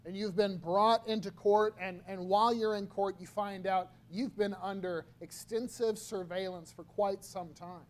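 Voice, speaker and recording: A man preaching a sermon, slow and halting, often repeating his words as he goes. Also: sits high, steady tone. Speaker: pastor.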